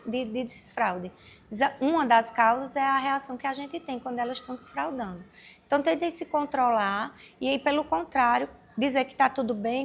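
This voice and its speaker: A woman educator giving parents practical advice in a relaxed, explanatory talk. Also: high-pitched, creaky. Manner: warm, explanatory, acts out little scenes.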